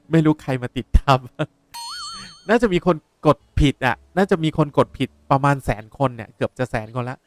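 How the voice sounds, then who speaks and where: A young man, a language teacher explaining words in a lively way while playing a game. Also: on the high side, unhurried, faint music behind. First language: Japanese. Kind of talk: game playthrough lesson.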